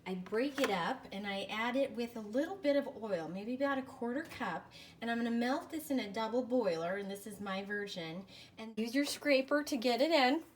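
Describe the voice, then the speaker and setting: A woman hosting a casual home cooking demonstration, chatty and folksy in a playfully self-deprecating way. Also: fairly high pitch. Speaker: home cooking show host. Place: home kitchen, indoors. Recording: noisy home kitchen recording.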